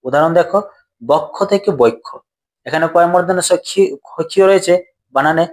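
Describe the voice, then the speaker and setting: A man's voice: fairly high pitch, fairly quick. Bengali grammar teacher, a man with a raised voice. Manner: repeats questions to students and answers them. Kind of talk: grammar lesson.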